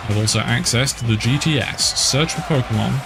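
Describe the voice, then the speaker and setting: With a gravelly, medium-pitched voice at a normal pace, a British gaming streamer grumbles wryly in casual let's-play commentary. Video game music runs in the background.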